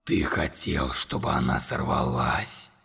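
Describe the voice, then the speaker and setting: A man voicing a huge, relentless monster in an audiobook, speaking in a low, slow, menacing whisper. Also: fairly even intonation, gravelly, a bit bright, slightly rough, in a large hall, full character voice.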